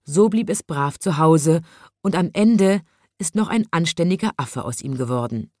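A woman narrating a children's storybook in an even, measured reading voice. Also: sits low, no echo, studio quality.

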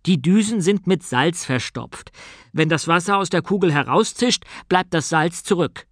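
A man's voice: high voice, animated, normal speed, no room sound, clean studio sound, pitched above the performer's own voice. A man voicing a practical young male tinkerer who explains things patiently in an audiobook.

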